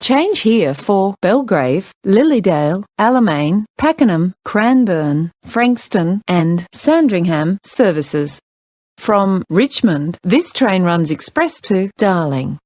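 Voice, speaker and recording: An Australian woman giving formal, pre-recorded train announcements in measured, separate phrases, with words and station names sounding spliced together. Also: mid-range voice, big pitch swings, a little mellow, no room sound.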